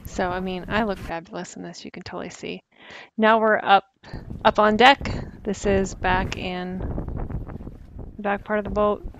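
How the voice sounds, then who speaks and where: Woman vlogger, casual voice-over, wry and self-deprecating, flat even delivery over a steady hiss of noise. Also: mid-range voice, normal speed, muffled recording. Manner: chatty, self-mocking.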